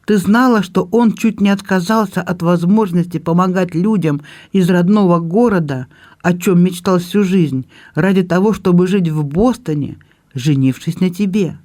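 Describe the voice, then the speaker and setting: A man playing a gentle teasing brother. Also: high-pitched, normal speed, natural voice. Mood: probing. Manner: soft, kindly, gently joking.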